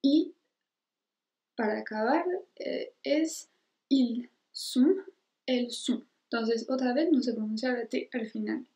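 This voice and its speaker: A French woman teaching a beginner French lesson in Spanish, slowly modeling each verb form for learners to repeat. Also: fairly high pitch, dark tone, echoey room. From France. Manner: slow, careful modeling of French conjugations. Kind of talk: language lesson.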